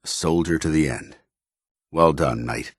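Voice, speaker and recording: A stern, loyal paladin soldier in a video game. His voice is deep and gruff, a little husky, recorded dry and close. He speaks in clipped, commanding, formal military phrases. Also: a little slow, no room sound, heavily acted. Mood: measured approval. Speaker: military companion character.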